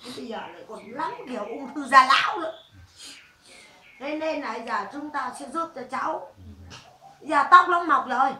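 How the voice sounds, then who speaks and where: A woman's voice: high voice, lively intonation, moderate pace, sharp tone. A woman spirit medium speaking bluntly and coarsely during a séance, scolding the family. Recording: echoey room, mic far off.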